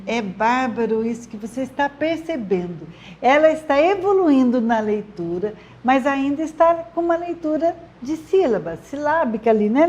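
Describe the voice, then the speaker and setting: A woman's voice: high-pitched, a little mellow, lo-fi sound. A woman teacher with a Brazilian Portuguese accent giving encouraging advice to parents on teaching children to read, with many tag questions. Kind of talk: friendly advice talk to parents.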